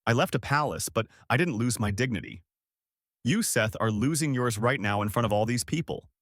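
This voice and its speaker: A man voicing a dignified young man who answers back in a low, firm, cutting tone. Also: lively intonation, a little fast, fairly bright tone, dry recording, studio quality.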